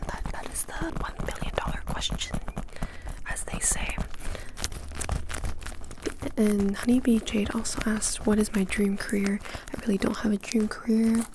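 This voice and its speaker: A woman's voice: medium pitch, flat delivery, unhurried. Young woman whispering an ASMR Q&A. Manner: rambling, repeats words softly as triggers. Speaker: ASMR creator.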